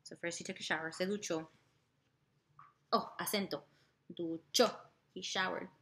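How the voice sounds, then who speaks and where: Woman, Spanish teacher, slow repetitive storytelling, bright voice, bilingual explanations. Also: on the low side, fairly even intonation, slight background noise. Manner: slow, repeats each phrase, switches between Spanish and English to explain; sings and makes sound effects while telling the story. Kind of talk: bilingual classroom storytelling lesson.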